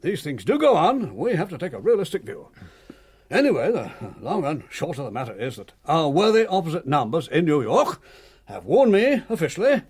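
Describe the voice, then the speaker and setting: An actor playing a pompous, fussy English chief constable in a radio drama, hesitant and long-winded. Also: male voice, sits high, slightly rough, heavily acted.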